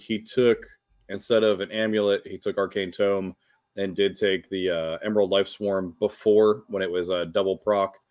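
A man's voice: lowish voice, a little mellow. A man co-hosting a casual gaming chat, easygoing and thinking aloud with some fillers. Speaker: co-host of a tabletop wargame talk show.

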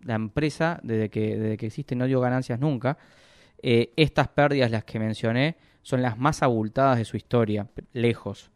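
A man talks through business news in a measured, explanatory way, often pausing and restarting his sentences. His voice sits at an ordinary middle pitch, recorded close and dry with no room sound. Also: dry recording. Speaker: economic analyst guest. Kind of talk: radio interview commentary.

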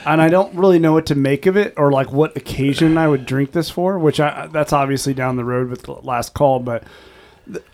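Host type: a rambling, filler-prone man leading the chat, voice a touch high. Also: a little fast, a little mellow. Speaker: podcast host. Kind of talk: casual tasting chat.

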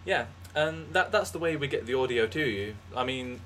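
A young man co-hosting a podcast, telling absurd stories in a deadpan way with frequent restarts. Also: mid-range voice, normal speed, slight background noise. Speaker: podcast co-host. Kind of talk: casual comedic chat.

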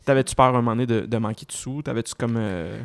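A man's voice: medium pitch, fast talker, gravelly, dry recording, studio quality. A man with a Québécois French accent who hosts a casual interview, asking his questions with lots of fillers and stops and starts. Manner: hesitant, many fillers and restarts while asking questions.

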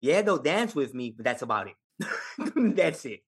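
A man's voice: medium pitch, very animated, unhurried, slightly rough. Podcast guest: New York Puerto Rican man, casual storyteller, laughs a lot, street slang. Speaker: podcast guest, Navy veteran.

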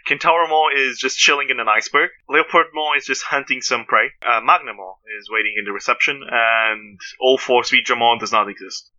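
A man's voice: medium pitch, brisk, hardly any pauses, bright, forceful tone, dull audio. A man co-hosting a podcast in casual chat, joking and rattling off trivia. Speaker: podcast co-host.

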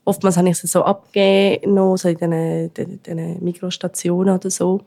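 A woman's voice: lowish voice, little pitch movement, brisk, gravelly, mellow. A young woman with a Swiss German accent, chatting candidly as a podcast co-host and laughing often. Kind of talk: casual chat.

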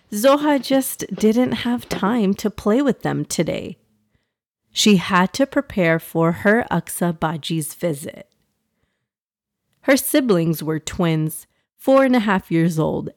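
A woman hosting and narrating for children in an expressive fireside storytelling style, speaking straight to young listeners. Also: on the low side, no echo, clean studio sound.

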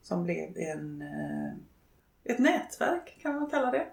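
An older woman, speaking in a reflective interview and pausing often to search for words. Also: on the low side, sing-song, darkish tone. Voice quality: creaky. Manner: hesitant, halting, many pauses and fillers. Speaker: interviewee, widow and network co-founder. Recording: roomy, echoey room.

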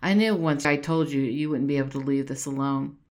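A woman's voice: very deep voice, a little fast, a little mellow. A woman voicing a stern male police detective who speaks in a dry, begrudging way, in a read-aloud story.

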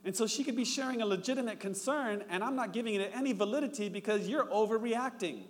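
A middle-aged man preaching a sermon, telling stories and acting out the dialogue in them. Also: quick pace. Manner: storytelling, acts out dialogue with rising pitch. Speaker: pastor. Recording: long reverb, faint background noise.

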